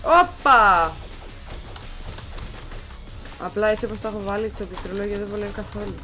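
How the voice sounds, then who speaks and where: Teasing woman gloating over a game. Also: medium pitch. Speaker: gaming co-host. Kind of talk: casual gameplay chat. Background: game music.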